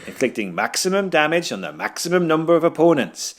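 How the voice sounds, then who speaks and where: A man's voice: on the high side, sing-song, brisk, voice pushed up. A man putting on a mock-Welsh accent, voicing a pompous male film villain who reads out gun-combat doctrine in an overblown way. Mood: mock-solemn. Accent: put-on Welsh.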